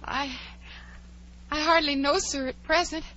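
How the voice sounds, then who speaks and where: A woman voices a curious, chatty, plucky young girl in a 1940s radio drama, her voice sitting high with fairly even intonation, a bright, forceful tone and a slightly slow pace. Puzzled but polite, she wonders aloud and exclaims. The recording is dull and hissy, typical of 1940s radio.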